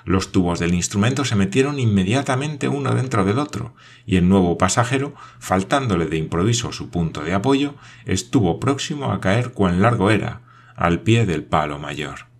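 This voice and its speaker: Man, very low voice, measured audiobook narration, steady delivery. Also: vocal fry.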